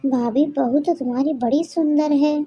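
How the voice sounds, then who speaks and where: A chatty, nosy neighbour woman in an animated story, voiced by a woman. She talks loud and high, gushing over the household. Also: normal speed, muffled recording, a little hiss or hum, close to an everyday voice. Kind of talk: cartoon story voice acting.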